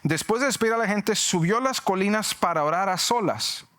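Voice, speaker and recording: Pastor guy preaching, high voice that jumps all over, acts out the story. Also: brisk. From Mexico. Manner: animated preaching with jokes and acted-out shouts. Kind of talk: sermon.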